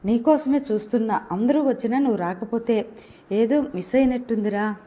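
A woman's voice: on the high side, fairly quick, natural voice. A woman voicing a delighted young man effusively welcoming his friend in an audio novel. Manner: warm, effusive greeting.

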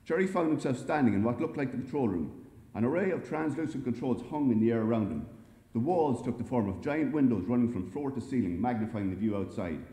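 A man reading a humorous story aloud to a live audience in a wry, lively way, recorded in an echoey library hall. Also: medium pitch, quick pace. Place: library event space.

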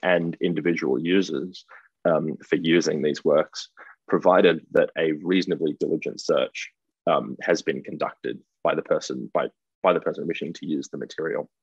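Very deep Australian man, hesitant keynote. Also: steady tone, moderate pace, creaky, breathy edge, no echo. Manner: hesitant, frequent ums and restarts. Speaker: keynote speaker. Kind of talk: conference presentation over video call. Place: indoor office. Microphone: webcam video call. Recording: dull lo-fi call audio.

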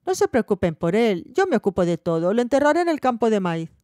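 A man's voice: high-pitched, very animated, fast talker, a little mellow, no echo, clean studio sound, pitched above the performer's own voice. A woman voicing a sympathetic, heavyset roadside man who speaks in a consoling, matter-of-fact way.

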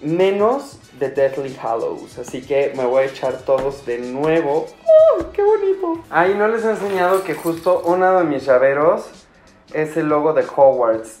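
A man's voice: mid-range voice, darkish tone. A young man with a Mexican accent chatting eagerly and nostalgically to camera as a book vlogger. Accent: Mexican Spanish. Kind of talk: casual unboxing chat to camera. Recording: roomy echo with faint music.

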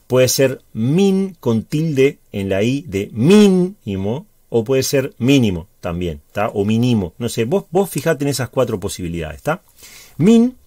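A man's voice: medium pitch, a little mellow, no room sound. Uruguayan guy teaching spreadsheets, chatty, keeps checking in, dry close sound. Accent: Uruguayan Spanish. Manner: chatty, explains step by step with frequent check-ins. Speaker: high school teacher. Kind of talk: spreadsheet tutorial.

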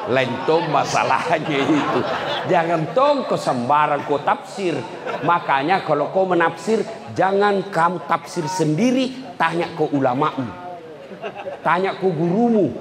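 Animated preacher in a hall. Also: male voice, measured pace, noisy background. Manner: lively, jokey, scolding asides to the crowd, sudden high outbursts. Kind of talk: humorous sermon. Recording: long hall reverb, faint ambience.

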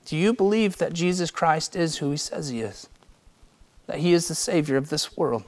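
A young adult man with a Midwestern American accent, a pastor preaching a sermon with impassioned delivery that swings between loud and hushed. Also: on the high side, expressive, normal speed.

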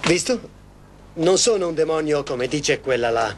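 A man's voice: a little high, animated, unhurried. A man playing a domineering, short-tempered middle-aged lover and crook in a dubbed TV soap opera. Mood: smug, affectionate. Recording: old TV soundtrack, noisy room ambience.

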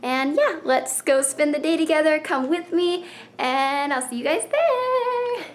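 A woman's voice: high voice, expressive, measured pace, slight background noise. A young woman hosting a casual pet vlog, chatty and giggly with lots of fillers, filming herself on a handheld camera. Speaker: vlogger host. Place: indoors at home, later a pet store. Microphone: handheld camera at arm's length.

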